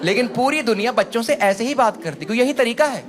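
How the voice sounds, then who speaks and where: A man's voice: extremely high pitch, animated, quick pace, a loud crowd. A man in his thirties doing a conversational stand-up comedy set on stage, slipping English phrases in among his jokes. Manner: conversational, mixes in English phrases, acts out quotes. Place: comedy stage before a live audience. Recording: loud live audience laughter and noise.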